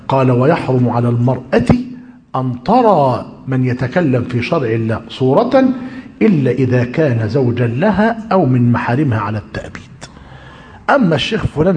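A man's voice: mid-range voice, a little mellow, big-room sound. A man with an Egyptian accent teaching a religious lesson, switching between formal classical phrasing and colloquial talk and checking in with his listeners. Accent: Egyptian Arabic.

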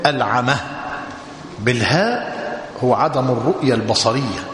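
A man's voice: mid-range voice, animated. Man teaching in an echoey hall. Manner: measured, explanatory, slows to dictate. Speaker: religious teacher. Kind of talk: explanatory lesson with dictation. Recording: echoey hall with long reverb, faint noise.

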